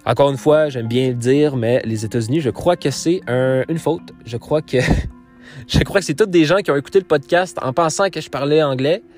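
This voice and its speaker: With faint music underneath, a podcast host from Quebec wraps up his solo show at a moderate pace. His voice sits on the high side with a darkish tone, and his Quebec French-accented chatter is loose, stuffed with fillers and restarts.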